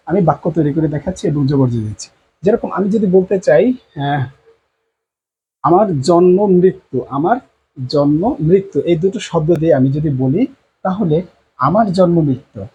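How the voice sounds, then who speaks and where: A man with a husky, breathy voice leads a board lesson, drilling each word again and again in a slow, drawn-out way. His tone is dark and mellow, yet his pitch moves a lot and sits a little high for a man. He speaks with a Bangladeshi Bengali accent. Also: muffled recording. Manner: slow, repetitive, drawn-out teaching delivery with many fillers. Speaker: language teacher. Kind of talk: whiteboard language lesson.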